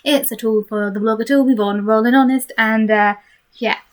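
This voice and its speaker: A woman with a fairly high voice talks to her webcam from a corner of her bedroom. She rambles candidly and casually, hesitating as she thinks aloud. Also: steady tone, moderate pace. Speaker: vlogger. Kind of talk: casual, rambling first-take video chat. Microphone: webcam microphone. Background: computer fan noise.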